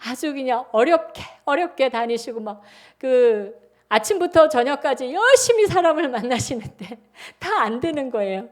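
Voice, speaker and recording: A woman in her sixties, a pastor preaching a sermon in a church, telling personal stories in an animated, chatty way. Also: high voice, moderate pace. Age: 60s. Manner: animated, chatty storytelling with acted-out quotes. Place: church sanctuary.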